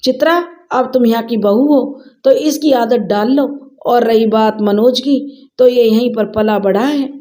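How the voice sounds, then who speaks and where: A woman's voice: a little high, a little slow, warm tone, natural voice. A woman voicing a middle-aged village mother who speaks firmly and sternly to her son and daughter-in-law. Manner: stern, firm.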